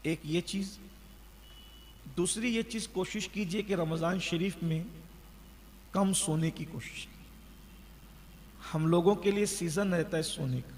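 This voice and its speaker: A man delivers a sermon, his voice pitched high. He exhorts his listeners and asks rhetorical questions. The sound rings with long reverb, as in a large hall. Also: slight background noise. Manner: exhorting, rhetorical questions, chants the creed slowly. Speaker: preacher. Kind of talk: Ramadan sermon.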